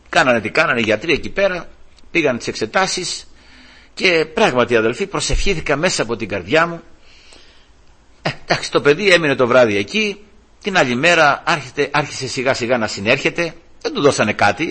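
Older guy preaching a story, husky voice, pitch jumping all over, kinda high. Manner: emotional, animated, restarts often. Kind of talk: storytelling sermon.

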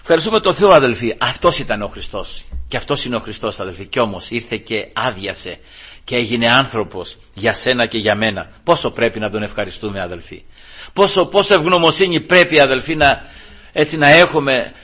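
Bright-voiced husky male preacher. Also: mid-range voice, expressive. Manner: addresses listeners as brothers, rising and falling emphasis. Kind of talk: sermon.

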